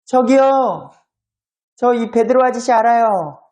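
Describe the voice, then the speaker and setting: A man's voice: very high voice, expressive, takes it slowly, darkish tone, voice pushed up, exaggerated voice. A man doing a chatty young maidservant. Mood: accusing. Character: young maidservant pointing out a stranger.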